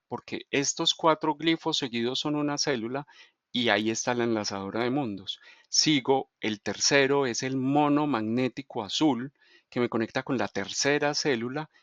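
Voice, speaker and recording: A middle-aged man explains a lesson at an even, unhurried pace, drawing on a board as he talks. He keeps checking in with his listeners. The sound is dry and a little dull. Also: medium pitch, no room sound. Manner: measured, checks in with frequent rhetorical questions. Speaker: teacher of Mayan calendar.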